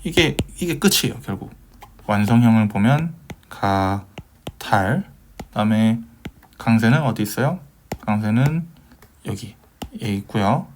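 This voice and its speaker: Low-ish guy teaching hebrew grammar online, patient, lots of "uh" and "so then", faint background hiss. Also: lively intonation, measured pace, pauses often. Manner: patient, asks questions and answers them, many fillers. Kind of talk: recorded online lecture.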